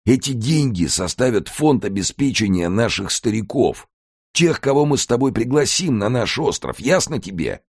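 A man voicing a gruff, blunt older male artist in an audiobook. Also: mid-range voice, very animated, moderate pace, dry recording, studio quality, pitched above the performer's own voice. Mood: stern. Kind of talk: audiobook character voice.

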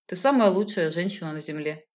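A woman's voice: on the low side, lively intonation, fairly quick, lightly acted. A woman voicing an emotional, impulsive grown man who pleads and argues with his partner. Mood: pleading. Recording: slightly dull lo-fi audio.

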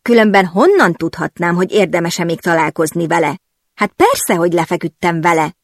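A woman's voice: on the low side, no echo, clean studio sound. A woman voicing a carefree, blunt young woman friend who gossips and teases. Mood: gossipy. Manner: blunt, giddy and teasing.

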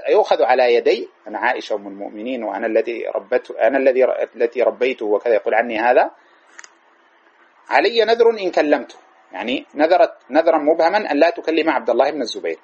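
A man teaching a religious lesson, retelling old narrations with quoted speech in a lively storytelling way. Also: fairly high pitch, slightly rough, muffled recording. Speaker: hadith teacher. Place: live-streamed lesson session.

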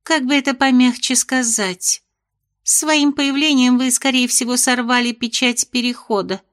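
A woman's voice: high voice, steady tone, a little slow, a bit bright, voice pushed up. A woman voicing a nervous, secretive fairy headmistress who answers evasively and tries to soothe, in an audiobook reading.

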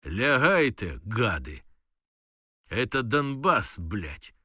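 A man voicing a gruff male frontline soldier in an audiobook, blunt and profane. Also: low voice, animated, moderate pace, a bit bright, no room sound, studio quality, exaggerated voice. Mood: shouting.

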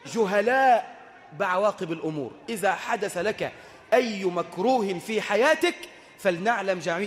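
In a large hall, a high-voiced man with an Egyptian Arabic accent preaches a sermon. He tells a story with humor and poses rhetorical questions to the audience.

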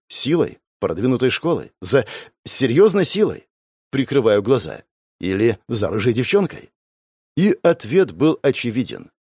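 A man narrating a first-person audiobook in a sardonic, expressive way, with frequent swearing. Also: medium pitch, dry recording, studio quality.

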